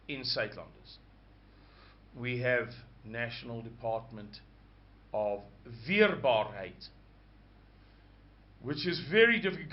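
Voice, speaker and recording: Croaky-voiced man, rambling. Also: medium pitch, slight background noise. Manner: rambling, searches for words aloud. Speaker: host. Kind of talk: casual monologue. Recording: dull lo-fi sound.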